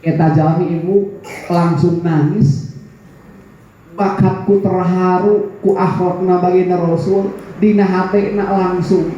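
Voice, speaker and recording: A man's voice: high-pitched, flat delivery, slow, dark tone. A man with a Sundanese accent preaching a sermon to a women's gathering, telling stories and acting out the voices in them. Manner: storytelling, acts out quoted voices, jokes with audience. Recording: very echoey hall, dull lo-fi sound, faint noise.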